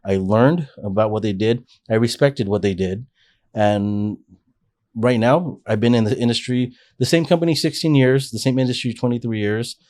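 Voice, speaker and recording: A man in his forties with a mid-range, darkish voice speaks at normal speed. He's a podcast guest recounting his life story in a casual interview, earnest and rambling, often restarting his sentences.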